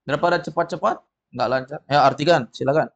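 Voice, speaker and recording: Patient male Arabic teacher, slightly high. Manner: patient, reassuring, models pronunciation slowly. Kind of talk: casual classroom teaching.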